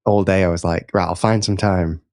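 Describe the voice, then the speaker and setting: A man with a low voice chatting on a podcast, mostly chipping in short, easy agreement. His sound is dry and close, with no echo. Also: steady tone, brisk, darkish tone, smooth. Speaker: podcast co-host. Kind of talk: casual chat.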